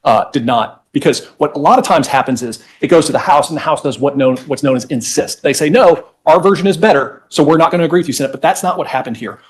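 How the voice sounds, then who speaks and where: With a voice pitched a little high, this man addresses a judge as counsel, working through legal history methodically and somewhat haltingly.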